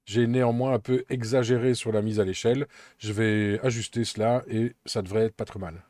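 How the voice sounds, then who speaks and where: A man walks through a software tutorial step by step, calm and methodical. His voice is dark and mellow, and the recording is dry and close with no room sound. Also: lowish voice, brisk, no room sound. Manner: calm, methodical step-by-step explaining with occasional fillers. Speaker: Blender tutorial instructor.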